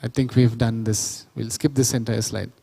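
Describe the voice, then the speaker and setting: A man's voice: mid-range voice, little pitch movement, normal speed, gravelly, warm tone, big-room sound. A man giving a workshop lecture on sound engineering, explaining step by step, correcting himself and quizzing the audience. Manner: explanatory, self-correcting, asks the audience questions. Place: church hall or auditorium.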